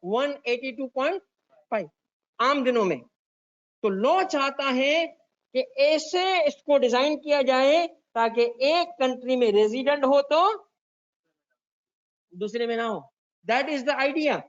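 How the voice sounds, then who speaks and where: A man's voice: very high voice, slow pace, long pauses. A Pakistani man teaching a tax class, quizzing students by name and repeating key points. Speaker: tax lecturer. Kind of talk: classroom lecture mixing Urdu and English. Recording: dull lo-fi lecture recording.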